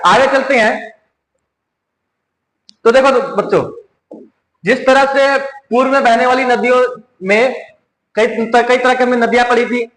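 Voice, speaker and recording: Hindi-accented male teacher, really high voice, asks his own questions then answers, roomy echo. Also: fairly bright tone. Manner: repeats questions and answers them himself. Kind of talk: exam-prep lesson. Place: coaching classroom. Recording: echoey room.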